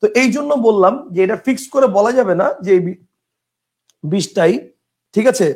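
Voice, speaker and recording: Young male teacher, high voice, drills lists by rote and quizzes the room. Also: normal speed, darkish tone. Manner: drills by chanting lists, asks and answers own questions. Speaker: grammar teacher. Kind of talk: classroom lecture.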